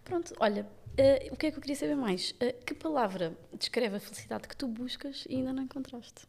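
Fast-talking woman. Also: high-pitched, gravelly, a little mellow, slight background noise. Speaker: podcast host. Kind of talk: casual podcast interview.

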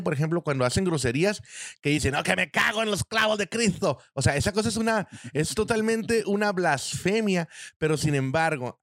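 A man's voice: a little high, dry recording, studio quality. A man with a Mexican Spanish accent in a casual debate with a friend, slangy and swearing, arguing heatedly.

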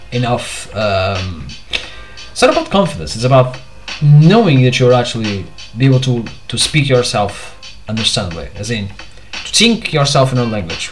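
A hesitant man whose first language is Portuguese hosts a podcast, rambling through a solo vlog full of fillers and restarts. His mid-range voice is very animated at a normal speed, with faint music in the background.

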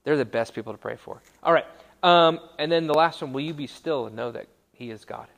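A man's voice: fairly high pitch, fairly quick, creaky. College pastor guy chatting his way through a sermon, lots of little corrections, big echoey hall. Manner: conversational, self-correcting, warm asides. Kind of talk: casual sermon to students. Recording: long hall reverb.

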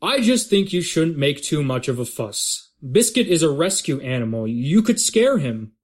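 A man's voice: a little high, sing-song, normal speed. A man playing a fussy, hesitant dad. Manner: hesitant, with many uhs. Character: cautious, fussy family dad. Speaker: father.

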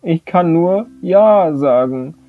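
A man's voice: a little high, extremely slow, soft background music, voice pushed up. A man voicing a shy, sad little letter creature who answers in tearful single words. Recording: slightly dull lo-fi recording.

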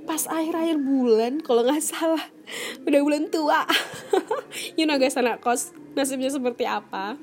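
Her high-pitched, slightly mellow voice moves at a moderate pace as the young Indonesian podcast host chats casually with listeners. She recounts a personal story and laughs frequently.

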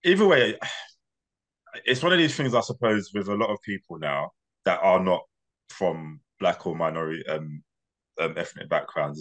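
A man in a podcast discussion, measured and mediating, often restarting his sentences. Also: deep voice, fairly bright tone.

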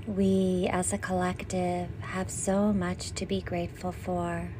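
A woman leading a guided meditation as its teacher, soothing and gentle like a sleep story narrator, with breathy exhales on breathing cues. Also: on the low side, little pitch movement, takes it slowly, noisy background.

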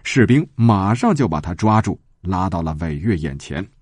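A man narrating a children's storytelling podcast in an animated way, with close, dry sound. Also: moderate pace, slightly rough, no echo. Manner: animated, sweeping pitch.

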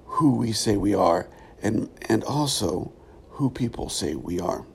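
A middle-aged man with a gravelly voice giving a reflective solo podcast monologue, thoughtful and halting, with frequent pauses. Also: fairly low pitch, animated. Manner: thoughtful, halting, pausing often. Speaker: podcast host, former pastor.

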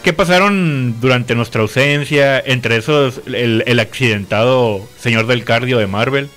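Bright-voiced man, wry co-host. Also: medium pitch, a little slow, faint music behind. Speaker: podcast co-host. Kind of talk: casual chat.

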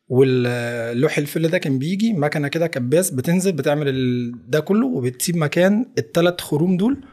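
A man's voice: fairly high pitch, darkish tone. A man in his thirties from Egypt with an Egyptian Arabic accent, chatting casually as an interview guest. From village near Tanta, Egypt. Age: 30s. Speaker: podcast guest, English teacher and entrepreneur.

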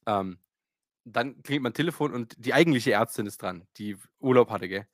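A man's voice: mid-range voice, moderate pace, a bit bright, dry recording, clean studio sound. A man in his thirties wryly retelling an anecdote in a casual chat, often laughing as he talks. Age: 30s.

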